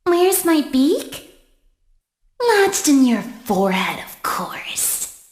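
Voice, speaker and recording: A woman's voice: high voice, sing-song, drawn-out words, echoey room, exaggerated voice. A woman voicing a predatory bird animatronic that speaks in creepy whispers. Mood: sinister.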